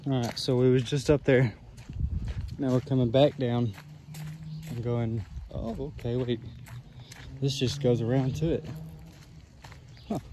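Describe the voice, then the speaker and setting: This young vlogger speaks at a medium pitch in a steady tone, a little slowly and with long pauses. He gives laid-back, slangy, improvised commentary while filming himself on a wooded outdoor trail with a phone or camera at arm's length. Nature ambience and faint noise sit in the background.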